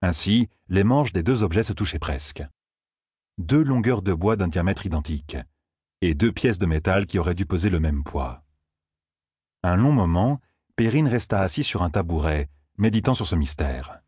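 Give me a low-voiced man narrating a fantasy audiobook, dry and close. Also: moderate pace, breathy edge, no echo. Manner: expressive, voices each character.

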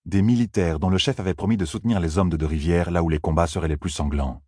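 Low, husky male audiobook narrator, expressive, dry close mic. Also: fast, no echo. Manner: dramatic, expressive reading. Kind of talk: scripted fantasy narration.

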